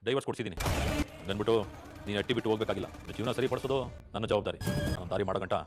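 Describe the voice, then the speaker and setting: A middle-aged actor in a TV serial playing an authoritative village politician and family head, firm and commanding. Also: male voice, fairly low pitch, racing, natural voice. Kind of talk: TV serial acting. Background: background music score.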